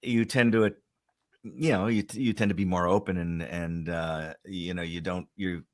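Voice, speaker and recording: A man hosting an interview, asking questions in a halting way with many pauses. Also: sits low, steady tone. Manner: halting, many fillers and restarts. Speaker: host. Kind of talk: conversational interview.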